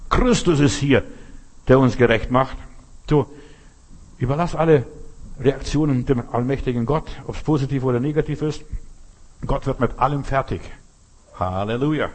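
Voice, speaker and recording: A man's voice: mid-range voice, moderate pace, pauses often, a little mellow. A man preaching a sermon, emphatic and speaking straight to the listener with rhetorical questions.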